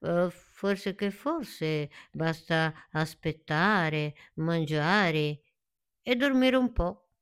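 A woman voicing a calm, soft male caterpillar who talks in a slow, drowsy, hesitant way. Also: lowish voice, clear, resonant tone. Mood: sleepy.

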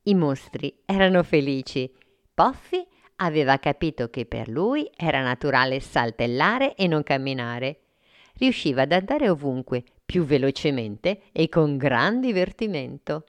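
A woman reading a children's story aloud in a calm, clear manner. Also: deep voice, measured pace, dry recording.

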